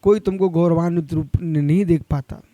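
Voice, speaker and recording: A man's voice: on the high side, steady tone, fairly quick, mellow, no room sound. A man, a Jain monk, giving a sermon in an admonishing, direct way, rising sharply when he urges his listeners on.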